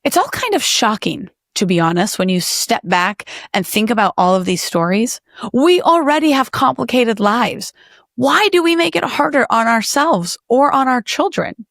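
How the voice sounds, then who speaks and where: A woman's voice: on the high side, lively intonation, moderate pace, vocal fry, a bit bright, no room sound, studio quality. Earnest woman hosting a podcast. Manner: earnest, reflective narration. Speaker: podcast host. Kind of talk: interview and scripted narration.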